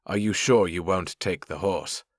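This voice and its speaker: A man voicing a formal, wry male elf rogue in an audiobook, measured and dry. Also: low voice, dry recording. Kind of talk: audiobook narration.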